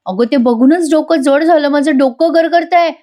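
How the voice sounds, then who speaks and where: A woman's voice: high-pitched, normal speed, warm tone, voice pushed up, natural voice. A woman voicing a scheming middle-aged aunt who exclaims melodramatically. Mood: dramatic.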